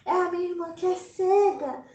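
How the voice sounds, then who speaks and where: A woman's voice: extremely high pitch, moderate pace, mellow, highs cut off, voice pushed up. A woman voicing a playful young girl who boasts in a teasing way. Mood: matter-of-fact. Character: playful girl spinning tales of witches. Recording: roomy with faint background noise.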